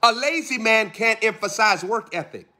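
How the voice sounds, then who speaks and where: A man a sermon in a fairly high, bright and forceful voice. He builds his points through rhythmic repetition, firing question after question at his listeners. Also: animated, normal speed. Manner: preaching with rhythmic repeated phrases and pointed questions. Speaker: preacher.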